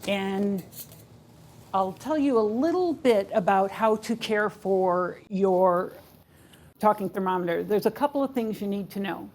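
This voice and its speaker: A woman's voice: mid-range voice, unhurried, a little mellow. A woman giving a spoken how-to demonstration in a kitchen, explaining each action step by step in an instructive way. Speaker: instructor demonstrating a kitchen aid for people with sight loss. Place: home kitchen.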